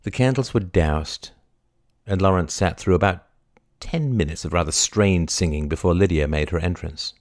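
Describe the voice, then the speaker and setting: A man narrating a historical novel in a measured, lyrical storytelling manner. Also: deep voice, dry recording, clean studio sound. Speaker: audiobook narrator. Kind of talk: scripted narration.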